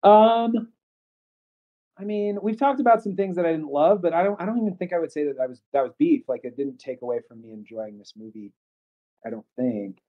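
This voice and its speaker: A man's voice: fairly high pitch, brisk. Muffled male podcast co-host, sound as if through a wall, hesitant and casual. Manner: hesitant, many fillers. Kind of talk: casual movie discussion.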